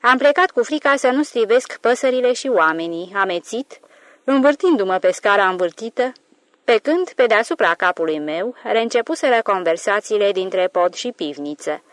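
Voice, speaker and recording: A woman narrating an audiobook of a literary novel in a calm, measured storytelling voice. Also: medium pitch, no room sound.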